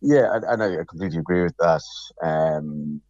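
A deep, warm-toned male voice comes through a husky remote link from an echoey office, muffled, with an alarm beeping in the background. He's a radio interview guest, explaining things carefully, hesitantly and in a measured way.

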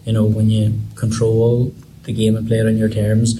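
A man's voice: lowish voice, monotone, moderate pace, noisy background. A man with a Donegal Irish accent giving an interview as a football team manager, repeating phrases as he goes. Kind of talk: post-match interview talk.

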